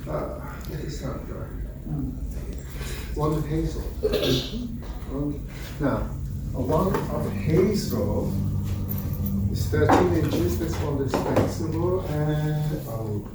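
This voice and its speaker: A man performing as a ceremonious wandmaker in a theme park shop, speaking slowly and instructively. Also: on the high side, lively intonation, background noise. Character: solemn old-world wandmaker, theatrical male. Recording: echoey room with loud music, from far. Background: loud music.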